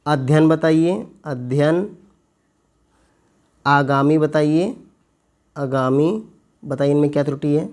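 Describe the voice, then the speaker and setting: A male teacher working through an exam paper, repeating words slowly to spell them out and asking his viewers questions. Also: fairly high pitch, darkish tone. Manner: slow, stretched repetition of words to spell them out; addresses viewers as friends, asks them questions. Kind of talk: exam paper walkthrough lesson.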